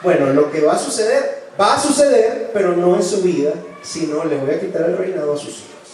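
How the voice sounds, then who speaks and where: A man's voice: high-pitched, expressive, brisk, a little mellow, far from the mic. A man preaching a sermon, telling personal stories earnestly and changing his voice for quoted speech. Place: church hall. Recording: very echoey church from afar, faint noise.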